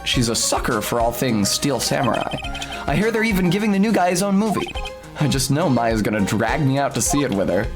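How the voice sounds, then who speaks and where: A man reading a video game aloud as a playthrough, with wry, playful asides. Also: a little high. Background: music.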